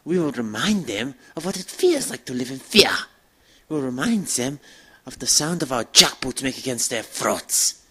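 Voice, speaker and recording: A woman plays a war-loving vampire commander with a low, husky voice. The delivery is grandiose and savoring, swinging widely in pitch like a fanatical orator rallying troops. It is a theatrical anime villain monologue, full of relish. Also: very animated, moderate pace, pushed and bright, exaggerated voice. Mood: menacing, rousing. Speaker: fan dub performer.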